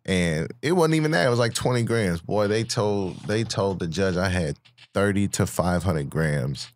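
A young man with a deep, lively voice and a Midwestern American accent talks at a normal speed, with a faint hiss or hum in the background. He's a guest rapper on a casual podcast, recorded on a studio mic with headphones in a small studio with a dark backdrop. He tells his story in a laid-back way, laughing and restarting as he goes.

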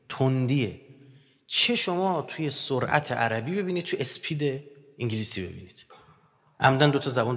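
Lively male lecturer in a reverberant hall. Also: mid-range voice. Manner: animated, joking, swings between loud and quiet. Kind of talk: religious lecture.

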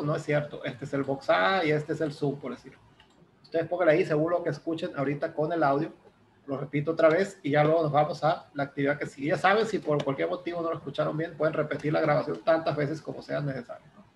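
A man's voice: on the high side, creaky, slight background noise, poor audio. A man teaching an English class, explaining patiently step by step and checking in with short tag questions.

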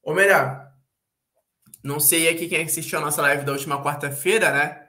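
A man's voice: on the high side, fairly even intonation, normal speed, bright, forceful tone. A man with a Brazilian accent teaching English in a casual, slangy live online class, often checking in with his students.

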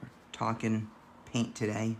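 A man with a gravelly voice, chatting and counting aloud as he demonstrates a painting craft. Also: lowish voice, monotone, measured pace, slight background noise. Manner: chatty, counts dots aloud while working. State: gravelly voice today. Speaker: craft instructor.

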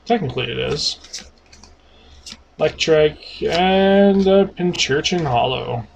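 In a fairly high, creaky voice and at a slow pace, a man in his thirties from Canada reads card names aloud and jokes around while co-hosting a card-opening video. The casual chat is set in a home room with cards on a table, captured by a noisy home camera.

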